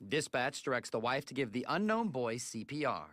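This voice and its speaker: Man reporting with a lively pitch. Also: no room sound, studio quality. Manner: measured reporting delivery. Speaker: TV news reporter. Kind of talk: scripted news report.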